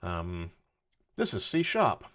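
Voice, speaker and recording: A man in his forties with a fairly low voice, running a casual live-coding stream. He mutters through his debugging, reads out chat, and slips in dad jokes as he works. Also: wildly swooping pitch, slow, fairly bright tone. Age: 40s. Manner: thinks aloud while debugging, drops dad jokes.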